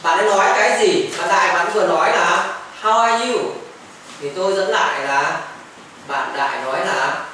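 Children chime in while a male teacher patiently works through a grammar lesson, repeating examples and dropping in English phrases. His voice is high and sharp, a little fast, captured from a distance in an echoey classroom with faint noise.

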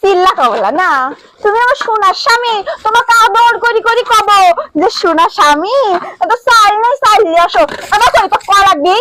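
An actress playing a sharp-tongued village wife who scolds her husband in rapid bursts, in a comic short film. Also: extremely high pitch, very animated, heavy background noise. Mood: scolding.

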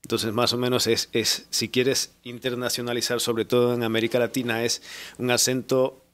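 A man's voice: medium pitch, flat delivery, moderate pace, a bit bright. Man thinking aloud in a podcast chat. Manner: thinks aloud, searching for words. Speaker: podcast host. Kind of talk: casual interview chat.

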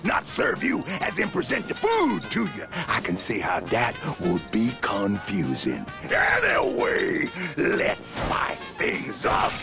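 A man voicing a boastful villainous chili pepper chef in an animated game, gravelly and full of showman swagger. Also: fairly low pitch, slow pace, hardly any pauses, over music, exaggerated voice. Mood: taunting.

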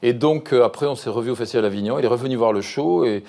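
A middle-aged man, a musician and comedian, talking as a guest in a casual TV interview, lively and often restarting his sentences. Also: medium pitch, quick pace, vocal fry.

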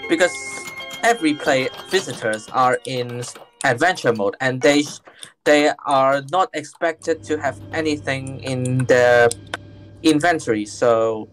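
Co-player, casual game chat, hesitant with fillers, middle pitch, faint background music. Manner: hesitant, lots of ums, quick corrections.

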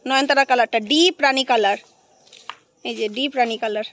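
A woman's voice: on the high side, normal speed, fairly bright tone, a little hiss or hum. A woman vlogging a family visit, talking to a small child in coaxing, sing-song baby talk.

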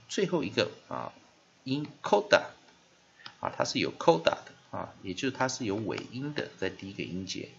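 A male teacher giving a phonics lesson, sounding out word parts slowly and repeatedly with many filler sounds. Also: lowish voice, creaky. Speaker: English teacher. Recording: dull lo-fi recording with faint hiss.

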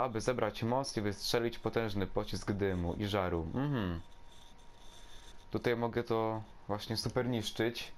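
A man with a lowish voice talks through a video game he is playing. His delivery is casual and halting, repeating words as he searches for the next one. Faint game noise sits behind him. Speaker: gameplay video host. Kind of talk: casual gameplay commentary. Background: video game sound.

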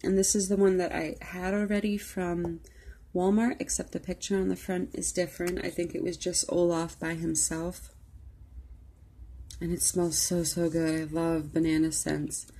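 A woman's voice: lowish voice, little pitch movement, normal speed, dark tone. A woman vlogger chatting casually through a product haul, rambling with lots of "um" and "like". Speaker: beauty vlogger.

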